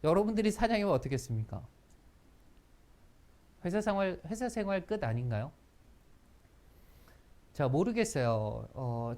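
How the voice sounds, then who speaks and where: A lively instructor leads a workplace etiquette lesson for students, with pitch that swings widely from line to line. The delivery keeps breaking into little acted-out example phrases before returning to explanation. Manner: lively, acts out example lines in quotes. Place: school training session.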